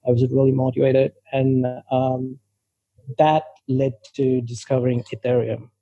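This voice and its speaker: A man's voice: medium pitch, flat delivery, measured pace, dark tone, dry recording. A man from Sri Lanka, a guest in an interview, speaking hesitantly with many fillers. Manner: hesitant, many ums and likes. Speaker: guest, crypto company co-founder. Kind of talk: casual interview answers. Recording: dull, muffled call audio.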